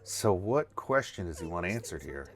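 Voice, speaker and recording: A man's voice: deep voice, very animated, moderate pace. A middle-aged man giving casual, jokey running reaction commentary as host, chuckling and exclaiming as he goes.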